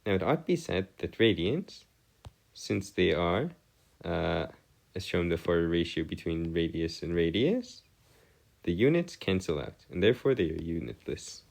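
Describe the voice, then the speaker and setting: A man with a deep, gravelly, darkish voice and big pitch swings tutors math at normal speed in an informal step-by-step lecture. He uses formal, wordy phrasing and corrects himself hesitantly.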